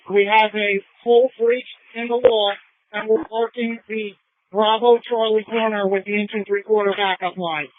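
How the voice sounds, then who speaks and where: Firefighter guy w high voice calling in updates on a phone-thin fire radio. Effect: two-way radio. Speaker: fire division supervisor. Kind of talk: fireground radio traffic. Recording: tinny narrow-band fire radio.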